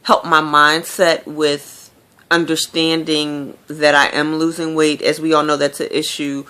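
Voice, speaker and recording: A woman's voice: sits low, little pitch movement, measured pace, bright, forceful tone, clean tone. A woman talking candidly to her viewers in a casual video diary, telling stories with lots of fillers. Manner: chatty, candid storytelling with many fillers. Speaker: vlogger.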